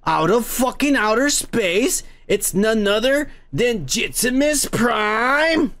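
A man's voice: very high-pitched, lively intonation, takes it slowly, a bit bright, slight background noise. A man hosting a show and reading viewer comments in a rambling, profane, casual way, his microphone heavily compressed. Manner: rambling, swears freely, frequent restarts. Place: home.

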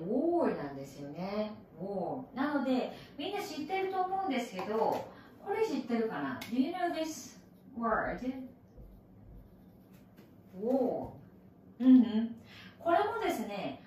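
A woman English teacher with a Japanese accent, giving an animated recorded lesson with playful sound effects. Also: a little high, a little hiss or hum. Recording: echoey room from far off.

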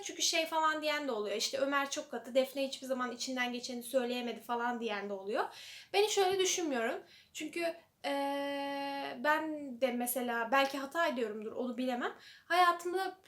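A young woman talks casually to her camera about TV shows, using plenty of fillers and slipping into quoted lines. Her voice sits high. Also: fairly bright tone. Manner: chatty, lots of fillers, acts out quoted lines. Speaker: vlogger. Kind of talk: casual chat.

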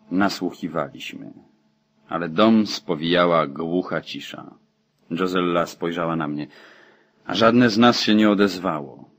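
A man reading a novel aloud as an audiobook narrator, in a steady, even way. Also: low-pitched. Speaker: audiobook reader.

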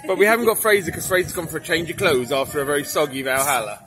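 A man's voice: fairly high pitch, steady tone, rapid-fire, music in the background. A middle-aged man hosting a casual vlog at an outdoor theme park, playfully teasing and quizzing the kids about the rides. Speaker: vlog host and father.

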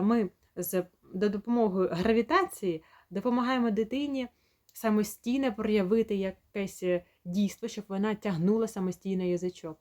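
A woman speech therapist giving a home lesson, explaining calmly and demonstrating sounds slowly and clearly. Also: medium pitch.

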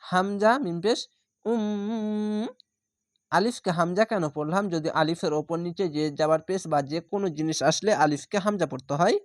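A man with a Bangladeshi Bengali accent teaching Quran reading, spelling each word letter by letter and then drawling it slowly. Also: sits high, dry recording, clean studio sound. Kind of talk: spelled-out Quran recitation lesson.

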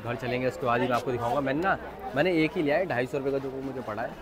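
A young male vlogger chats casually to the camera from a crowded outdoor street market. He talks in rapid-fire bursts with a mid-range voice, surrounded by loud crowd noise and bustling street sounds.

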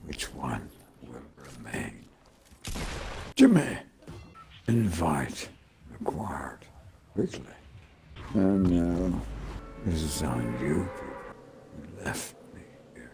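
A man's voice: extremely low pitch, expressive, takes it slowly, a little mellow, faint music behind. A man chatting casually and jokingly with friends while recording gameplay. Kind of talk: casual joking gaming banter.

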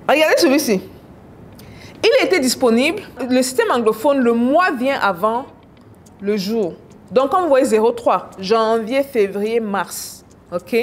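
A woman business coach walking viewers through products on screen in a casual, teasing, exclamatory way. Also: on the high side. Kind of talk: casual screen-share teaching.

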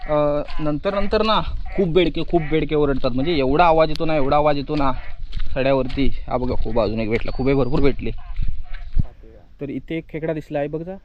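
A young man, vlogging in casual chat outdoors on a rural plateau, addressing viewers directly and often dropping to a soft murmur. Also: on the high side, normal speed. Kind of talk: casual outdoor vlog narration. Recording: dull, muffled outdoor audio with faint nature noise.

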